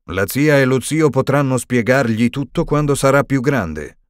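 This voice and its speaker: A man voicing an old wise male wizard in an audiobook, speaking gravely and firmly. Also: medium pitch, animated, dry recording, clean studio sound, pitched above the performer's own voice, natural voice. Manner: slow, grave and firm.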